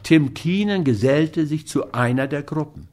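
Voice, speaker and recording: A man reading a novel aloud as narrator in a measured, storytelling manner. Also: a little high, animated, darkish tone. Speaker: audiobook reader. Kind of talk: scripted narration.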